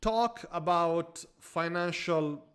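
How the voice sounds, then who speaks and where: A man with an Italian accent hosting a podcast, chatting casually and jokingly, trailing off into quiet asides. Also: fairly high pitch, takes it slowly, smooth. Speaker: podcast host. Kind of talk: casual interview chat.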